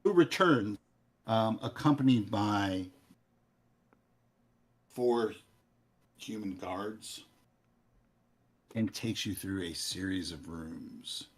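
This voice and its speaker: A man narrating a tabletop game as game master, halting as he searches for words. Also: lowish voice.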